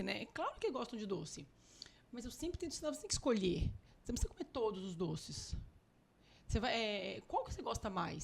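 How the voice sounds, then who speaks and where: A woman cardiologist talking as a podcast guest, animated and emphatic, often acting out conversations with her children. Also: medium pitch, vocal fry, breathy edge. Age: adult with young children. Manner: animated, acts out family dialogue; quick, emphatic explaining. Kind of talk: podcast interview talk.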